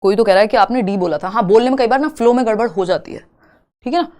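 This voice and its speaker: A woman's voice: on the high side, quick pace, a little mellow. A woman teaching an exam-prep lesson in a chatty, reassuring way, mixing into her talk. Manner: chatty, reassuring, mixes Hindi with English terms. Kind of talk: online exam coaching lesson.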